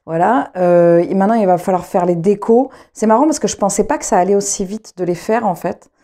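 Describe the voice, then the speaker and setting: A woman's voice: mid-range voice, a little fast, dark tone. A young adult woman from France chatting casually to camera, rambling with many fillers and restarts. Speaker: knitting vlogger and trumpet player.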